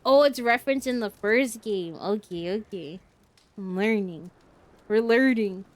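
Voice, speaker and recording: A woman's voice: mid-range voice, measured pace. A woman streamer giving casual gameplay commentary in a playful, giggly, chatty way.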